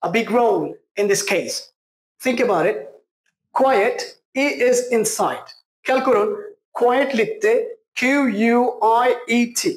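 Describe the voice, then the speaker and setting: A teacher giving a vocabulary lesson at a board, slowly repeating example words and sentences for the class to follow. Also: mid-range voice, low-quality recording. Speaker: English teacher.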